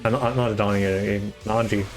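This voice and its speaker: A German tournament organizer gives solo live esports commentary over music, casually rambling and chatting with viewers. He speaks quickly in a lowish voice with fairly even intonation.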